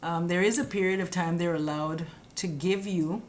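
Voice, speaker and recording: A woman with a lowish, steady voice and moderate pace hosts a live stream, her webcam or phone adding a little hiss or hum. Fielding comments in a casual explainer, she scolds and chats directly about immigration rules, calling viewers guys.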